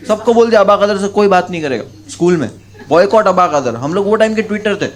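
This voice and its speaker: A man doing a stand-up comedy routine, telling a story in a lively, loud way with sudden jumps in pitch. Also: fast. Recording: loud background noise with clicks.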